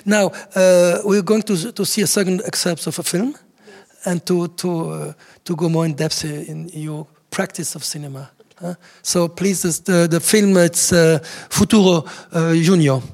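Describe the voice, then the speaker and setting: An interviewer asking a filmmaker about her work, talking in a halting way with many restarts as they search for words. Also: medium pitch, steady tone, darkish tone. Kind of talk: unscripted interview questions.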